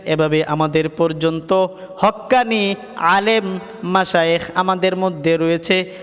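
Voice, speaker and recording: High, slow, chanting preacher. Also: male voice, fairly even intonation, a bit bright, clean tone. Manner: chants lines in a melodic sing-song, rising to high emphatic calls. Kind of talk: sung Bengali waz sermon. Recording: echoey hall with music behind.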